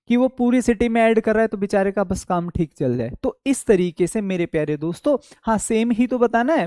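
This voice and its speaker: Teaching English vocabulary in an online exam-prep class, this man poses questions, answers them himself, and stretches out key words slowly to aid memory. He has a high-pitched, warm voice, captured as clean studio sound without echo.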